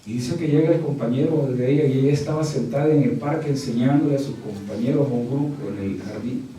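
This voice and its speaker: A man preaching a sermon as pastor, shifting from quiet storytelling to loud, high-pitched exhortation and calling the listeners brother. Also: a little hiss or hum. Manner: keeps addressing the congregation as brother. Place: church hall. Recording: very echoey hall, mic from a distance.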